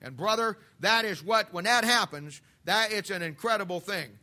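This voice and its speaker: A man in his fifties preaches to his church in a fervent, folksy way, circling back on his phrases. His voice sits high for a man and comes across sharp and forceful. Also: expressive, moderate pace. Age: 50s. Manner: impassioned preaching with folksy asides and repetitions. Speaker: pastor. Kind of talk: sermon.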